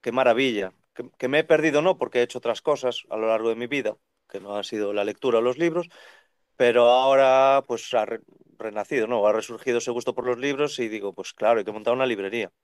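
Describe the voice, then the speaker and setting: A man in his thirties, a second-hand bookseller, chatting on a video call in an animated way, talking in long runs. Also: medium pitch, quick pace, clean tone, no echo. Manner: animated, talks in long runs and acts out quoted voices. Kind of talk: casual conversational interview. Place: bookshop with full shelves behind. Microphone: video call webcam.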